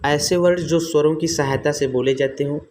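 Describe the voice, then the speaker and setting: A man's voice: a little high, steady tone, moderate pace, darkish tone, a little hiss or hum. A man teaching an exam-prep grammar lesson, asking his own questions and answering them, repeating each term.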